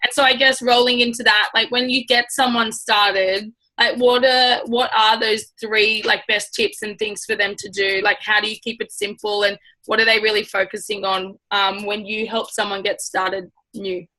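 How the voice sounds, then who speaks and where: A woman's voice: medium pitch, fairly even intonation, moderate pace, few pauses, sharp tone, poor audio. A woman hosting an interview, asking loose questions with lots of fillers. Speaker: host. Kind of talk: interview chat.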